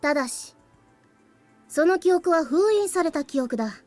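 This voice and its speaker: A high-pitched young boy voiced for a Japanese visual novel, a calm, aloof crystallized memory of the hero's past, speaks plainly and coolly with a hint of cheek. His delivery is brisk and a little mellow with lively intonation and a calm, matter-of-fact mood. Game music plays clearly behind him, with no echo.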